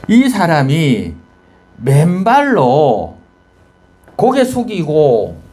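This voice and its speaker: A man's voice: fairly high pitch, a little mellow. A male pastor with a Gyeongsang Korean accent telling a Bible story in his sermon, firing rhetorical questions at the congregation.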